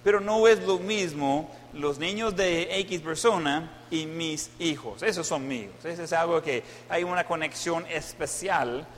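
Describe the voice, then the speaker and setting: A man's voice: fairly high pitch, unhurried, hardly any pauses, a little hiss or hum. A middle-aged male pastor giving a Mother's Day sermon, telling stories with a joking, self-mocking humor. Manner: storytelling with humor, playful self-mockery. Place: church. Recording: long church hall reverb.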